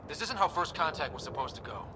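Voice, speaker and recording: An actor playing an earnest, level-headed young male space explorer in a video game, speaking in a measured way. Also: a little high, sing-song, background noise. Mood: reflective.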